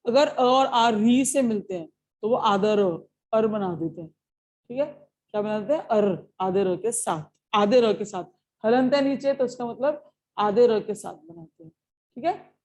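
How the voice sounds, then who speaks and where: A woman's voice: fairly high pitch, a little slow, a little mellow. A woman with an Indian accent teaching an exam-prep lesson, explaining step by step and checking in often with her students.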